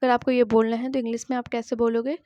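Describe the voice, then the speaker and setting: A young woman explains everyday English phrases in a friendly, chatty way. Her voice sits a little high and is recorded dry and close. She says each English line slowly and clearly so students can repeat it. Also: level tone, dark tone, no echo, muffled recording. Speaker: spoken English teacher. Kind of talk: teaching spoken English phrases.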